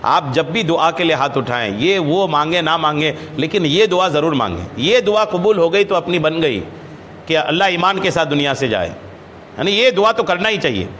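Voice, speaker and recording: A man preaching a hadith lesson, who chants the Arabic text slowly, then explains it with rhetorical questions and repeated phrases. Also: on the high side, animated, a bit bright. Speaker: religious scholar and preacher. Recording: long hall reverb, faint background noise.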